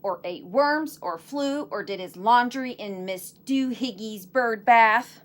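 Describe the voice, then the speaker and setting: A woman's voice: a little high, slow. A woman voicing a stern, fussy mother cat who scolds her kitten. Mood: scolding.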